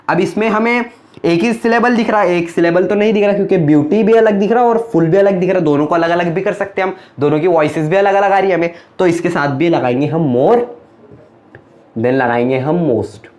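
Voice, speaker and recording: A young man with a fairly high voice teaching a grammar lesson at a board. He keeps asking questions and then answers them himself, in a patient and explaining tone. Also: quick pace, a little mellow.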